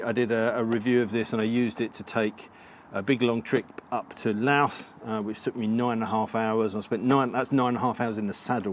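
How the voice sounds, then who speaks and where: A middle-aged man casually talking through motorcycle gear as a vlogger, in an informal walkthrough to camera. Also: mid-range voice. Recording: clearly audible ambient background noise.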